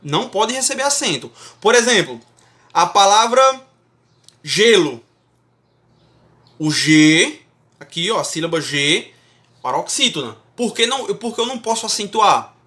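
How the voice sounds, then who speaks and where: A man teaches Portuguese grammar in a classroom-style lecture, his pitch swinging widely as he stresses syllables. His voice has a bright, forceful edge. He talks emphatically and keeps checking in with the class. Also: big pitch swings, a little slow, long pauses.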